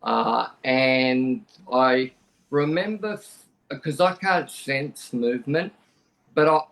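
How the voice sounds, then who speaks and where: Slightly high and a bit bright, the voice belongs to a middle-aged Australian man appearing as a podcast guest. He tells a personal story in a frank, plain, conversational manner, with frequent sentence restarts.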